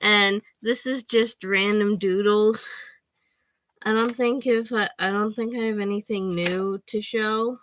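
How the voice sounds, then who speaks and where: A woman's voice: medium pitch, fairly even intonation, unhurried, fairly bright tone, slight background noise. A teenage girl chatting casually to the camera from her bedroom, rambling with lots of fillers. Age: teens. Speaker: vlogger.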